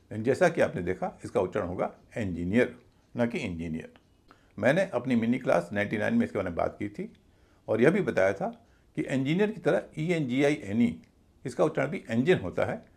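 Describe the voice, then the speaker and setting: A man's voice: medium pitch, creaky, a little mellow, slightly rough. A man teaching English pronunciation in a lecture-style lesson, patiently explaining and spelling words out letter by letter.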